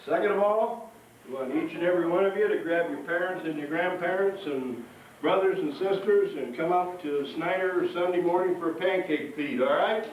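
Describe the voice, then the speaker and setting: In a live educational presentation, a firefighter whose voice sits high speaks at normal speed, teaching schoolchildren about fire safety informally and often quizzing them to check they follow. The audio is dull, recorded from afar in an echoing indoor hall with faint noise.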